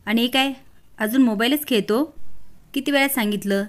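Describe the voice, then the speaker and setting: A woman's voice: a little high, normal speed, close to an everyday voice. A woman voicing a fretful, scolding middle-aged mother in a family drama story. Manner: scolding, then tearful.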